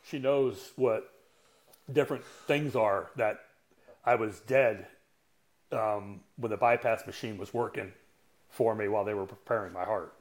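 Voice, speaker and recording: A man in his sixties, a coach guesting on a podcast, tells a story in a casual, blunt way, swearing often and pausing on fillers. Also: on the low side. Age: 60s. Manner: blunt and profane, halting with fillers.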